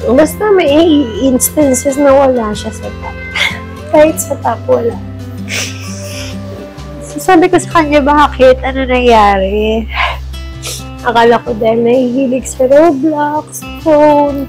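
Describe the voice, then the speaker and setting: A middle-aged woman with a Filipino accent, a mother vlogging in a sit-down confessional, speaking slowly and emotionally, near tears at times, mixing English and Tagalog. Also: sits high, darkish tone, soft background music, rough recording.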